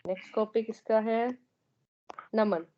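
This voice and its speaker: Teacher woman, high voice, muffled call. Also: steady tone, unhurried. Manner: explaining patiently, often checking in with students. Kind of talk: online class feedback on student essays. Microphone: online meeting audio.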